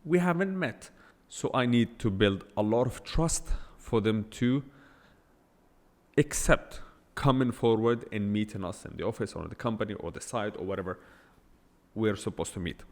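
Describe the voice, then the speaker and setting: Low-ish and darkish, this man's voice moves at a normal speed and echoes as if in a big room. Hosting his podcast solo and unscripted, he's blunt and insistent, firing rhetorical questions, and speaks English as a non-native.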